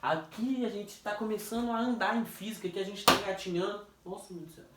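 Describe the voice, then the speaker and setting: A man's voice: high voice, heavy background noise. Man teaching physics in an echoey room. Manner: jokey, questioning, drawn-out stressed words. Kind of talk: informal classroom review. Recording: echoey room, distant mic.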